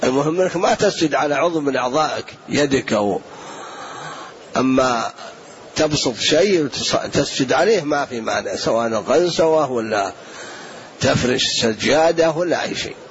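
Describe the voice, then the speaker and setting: A man answering questions in a religious lesson, explaining in a measured way and repeating points for emphasis. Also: mid-range voice, lively intonation, a little hiss or hum. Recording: dull lo-fi lecture recording.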